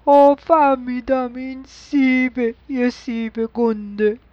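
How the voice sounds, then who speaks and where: A woman's voice: mid-range voice, dry recording, highs cut off, lightly acted. A woman voicing a hungry, greedy male mouse in a children's story, eager and insistent.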